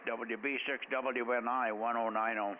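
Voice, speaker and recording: A man's voice: mid-range voice, flat delivery, moderate pace, narrow, tinny audio. An American man running an amateur radio net, chatting casually in a blunt, teasing way over two-way radio. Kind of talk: casual ham radio chat. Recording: thin ham radio signal with static.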